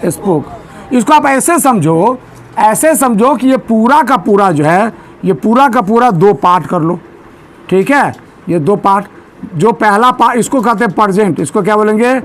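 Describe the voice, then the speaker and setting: A male teacher giving a grammar lesson in a classroom, drilling students with repeated questions and asking them to answer loudly. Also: sits high, lively intonation, a little slow. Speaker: English teacher.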